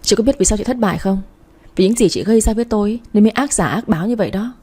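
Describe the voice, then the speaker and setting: A woman voicing a spiteful young woman who taunts her older sister in a scornful, shrill manner. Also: racing, warm tone, slightly rough, natural voice. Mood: gloating.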